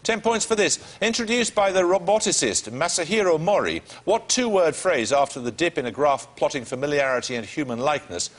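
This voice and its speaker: A man hosting a television quiz show, reading questions in a crisp, dry and wry, briskly authoritative way. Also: on the high side, lively intonation. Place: television studio.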